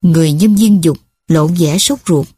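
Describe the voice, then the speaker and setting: A woman narrating an audiobook story in a measured, steady reading. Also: mid-range voice, slightly rough, no room sound, clean studio sound. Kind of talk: scripted narration.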